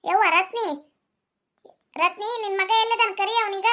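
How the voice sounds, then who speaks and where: A woman's voice: extremely high pitch, steady tone, normal speed, bright, forceful tone, slight background noise. A woman voicing a fiery, protective village mother in a cartoon, scolding and threatening with a North Karnataka accent. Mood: angry. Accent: North Karnataka Kannada.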